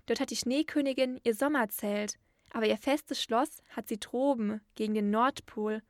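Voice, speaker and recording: A woman's voice: on the high side, normal speed, no room sound, studio quality, close to an everyday voice. A woman voicing a tethered reindeer, proud and longing for its snowy home, in a storybook reading. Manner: wistful, boastful.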